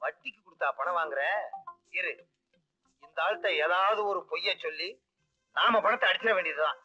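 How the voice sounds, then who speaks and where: A man's voice: high-pitched, moderate pace, pushed and bright, muffled recording, soft background music. An actor playing a scheming man who swindles a moneylender with sob stories, in old film comedy dialogue. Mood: wheedling. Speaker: con man comic hero.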